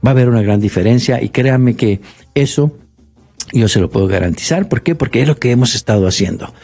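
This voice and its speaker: A man's voice: medium pitch, animated, a little fast, darkish tone, soft background music. A man talking on the radio for a bank, persuasive and repetitive, with frequent fillers. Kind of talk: radio promotional talk.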